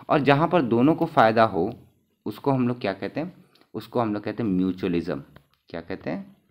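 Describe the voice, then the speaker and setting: A man's voice: on the low side, darkish tone. A man, teaching exam material and answering his own questions, repeating each key term as he goes.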